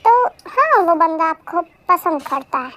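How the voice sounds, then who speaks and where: A woman voicing a caring young woman who calmly explains and reassures in a fan audio drama. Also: very high-pitched, unhurried, dry recording, exaggerated voice. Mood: reassuring. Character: caring young woman, older sister type.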